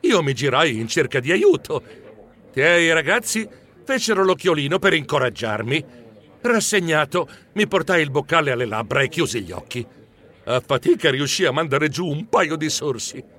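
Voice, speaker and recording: A man narrating an audiobook in an expressive storytelling manner, stammering when he plays himself jittery. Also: a little high, normal speed.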